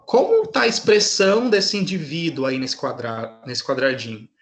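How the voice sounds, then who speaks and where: A man's voice: on the high side, very animated, moderate pace, roomy sound. A man teaching an English class online in a patient way, often checking in with his students.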